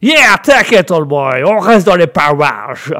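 A man voicing a brash American man who teases loudly, in a live web radio show. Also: on the high side, very animated, full character voice. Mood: mocking. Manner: boisterous, teasing, drawn-out.

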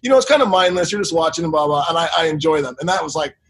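Man, husky voice, slightly high, loose sweary podcast chat. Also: animated, racing. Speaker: podcast co-host.

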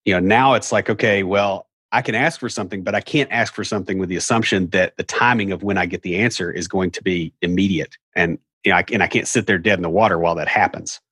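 Here a middle-aged Southern US man with an Appalachian hillbilly accent talks fast with few pauses, his low voice fairly bright and slightly rough. His explanations are casual, folksy and wry, dotted with rambling asides. The studio-quality recording has no echo.

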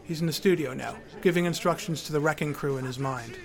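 A man's voice: fairly high pitch, fast, creaky, over music. A man narrating his memoir in a wry, dryly humorous way.

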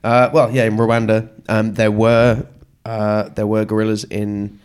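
A man's voice: fairly low pitch, completely flat delivery, measured pace, a little mellow, clean tone. A man co-hosting a travel podcast, chatting casually and sharing trivia with enthusiasm. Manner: enthusiastic, shares trivia and recommendations. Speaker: podcast co-host. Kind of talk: casual chat.

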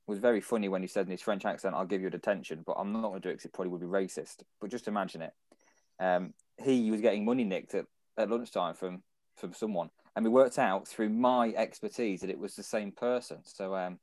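A young British man shares rambling anecdotes on a podcast, often breaking into laughter. His voice sits low, and the sound is dry and close. The talk is casual and loose. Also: darkish tone, dry recording. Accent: British English. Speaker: podcast co-host. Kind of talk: casual chat.

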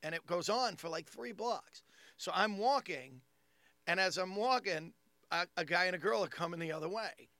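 Male comedian, thick Long Island accent, high bright voice, telling stories casually in a halting, repetitive way. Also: animated, no echo. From Long Island, New York. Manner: halting, repeats phrases, acts out dialogue. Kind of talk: casual comic storytelling among friends.

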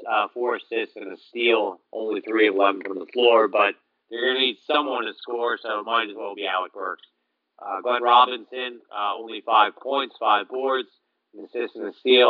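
A man's voice: mid-range voice, dry recording, muffled recording. A man hosting a sports podcast, recapping player performances in a blunt, critical way. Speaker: fantasy basketball podcast host.

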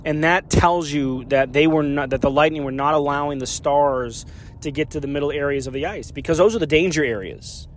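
A man's voice: on the high side, brisk, slight background noise. A man, a hockey beat reporter, talking through a post-game analysis in a conversational way and repeating his key points for emphasis.

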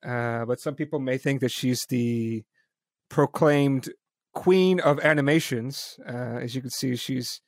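A man's voice: medium pitch, a little slow, no echo, clean studio sound. A man hosting a casual live-stream interview, joking and chatty. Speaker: podcast host.

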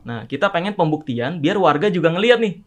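A man guest on a casual podcast, retelling an incident and acting out the exchanges with lively emphasis. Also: on the high side, fairly quick. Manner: animated, acts out quoted exchanges in a raised voice. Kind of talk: storytelling in casual chat.

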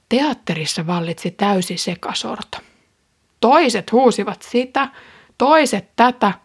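A woman reads a scripture passage aloud and then explains it to listeners. Her voice is husky and breathy, sitting at an ordinary middle pitch, and she keeps a calm, measured reading pace. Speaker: Bible reader and teacher.

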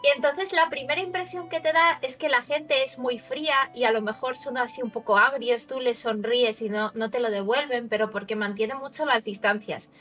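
As a guest in a casual chat, a young woman from Russia, a native Russian speaker, talks chattily with many fillers such as "sabes" and frequently tags on "you know?". Her slightly bright voice is on the high side, at normal speed with few pauses. The room sounds roomy, with faint background music.

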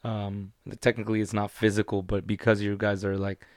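Young guy on a podcast, kinda low voice, dry mic, joking around. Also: brisk, no room sound. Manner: relaxed, joking, sarcastic storyteller. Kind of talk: casual chat.

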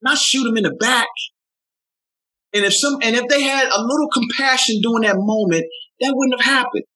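Earnest older man, bright voice. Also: moderate pace, breathy edge, poor audio. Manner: earnest, repeats himself, rises in pitch when stirred. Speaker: youth mentor, guest. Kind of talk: heartfelt conversational interview.

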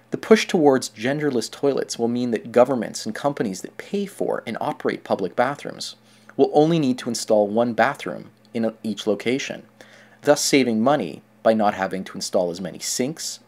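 A man's voice: medium pitch, a little mellow. A man delivering scripted opinion commentary in a sardonic, mocking manner.

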